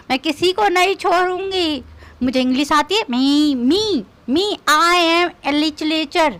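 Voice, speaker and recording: A woman's voice: sits high, a bit bright. A woman doing a comic rant in a scolding, mocking, quarrelsome way. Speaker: comedian.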